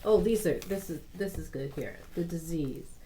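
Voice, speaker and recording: A woman hosting a plant channel, reading aloud from a houseplant book in a halting way, stopping to correct herself and add her own comments. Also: lowish voice, expressive, warm tone, slight background noise, poor audio.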